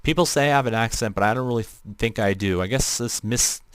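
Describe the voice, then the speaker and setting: A man's voice: mid-range voice, fast talker, clear, resonant tone, no room sound. A young man with a Midwestern American accent, rambling casually as he streams a game and chats with viewers. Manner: rambling, chatty, talks to chat viewers. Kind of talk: casual live-stream commentary.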